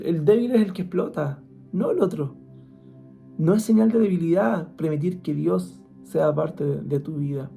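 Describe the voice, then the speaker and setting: A man gives an earnest devotional talk, his voice gravelly and dark. He speaks conversationally and restarts often. Soft music plays faintly underneath. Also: on the high side. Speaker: guest speaker.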